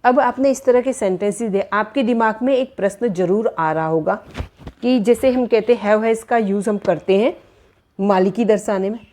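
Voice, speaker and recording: A woman in giving a grammar lecture, slowly repeating each example word by word. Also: medium pitch, mellow. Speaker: English grammar teacher. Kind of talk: classroom-style lecture in Hindi.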